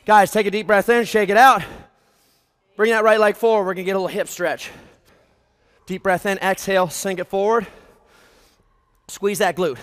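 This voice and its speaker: A man's voice: high-pitched, fairly even intonation, normal speed, pauses often, fairly bright tone. An American man in his twenties coaching a group workout in a hyped, motivational gym-bro manner, giving cues and countdowns while exerting himself. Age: 20s. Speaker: fitness instructor leading a group workout. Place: large brick warehouse gym, indoors. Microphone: headset. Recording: reverberant large hall.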